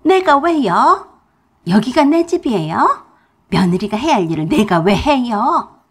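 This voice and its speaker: A woman voicing a domineering older mother-in-law in a radio drama, who scolds in a loud, bossy voice and talks down to people. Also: mid-range voice, sing-song, a little slow, gravelly, breathy edge, heavily acted. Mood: indignant.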